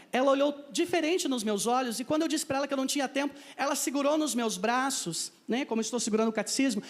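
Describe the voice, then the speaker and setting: A man with a Brazilian Portuguese accent, a missionary telling a personal testimony and acting out the dialogue in a vivid storytelling manner. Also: extremely high pitch.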